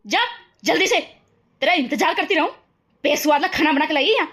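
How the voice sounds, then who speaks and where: A woman's voice: high-pitched, moderate pace, sharp tone. A woman voicing a harsh older mother-in-law in a cartoon story, scolding and taunting. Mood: scornful.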